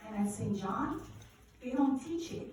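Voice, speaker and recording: A woman from Guyana, giving an energetic money seminar at a church and drawing responses from the audience. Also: fairly high pitch, a little slow, a little hiss or hum. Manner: energetic, asks the audience questions, preacherly. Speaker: finance educator speaking at a church event. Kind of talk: live seminar talk with audience call-and-response. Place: large echoey church hall. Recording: echoey hall from far off.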